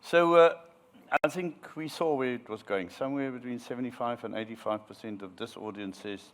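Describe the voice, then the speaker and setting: A man's voice: medium pitch, brisk. A man from South Africa running an audience poll at a live panel, teasing and jokey.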